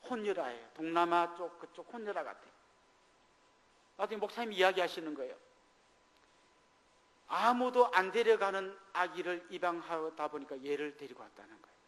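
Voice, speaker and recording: A middle-aged man preaches from the pulpit, his fairly high voice carrying through the long reverb of a church hall. He tells a personal testimony and acts out the voices of the people in his story. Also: fairly bright tone. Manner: storytelling testimony, acting out quoted dialogue. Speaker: pastor. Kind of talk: sermon. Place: church sanctuary.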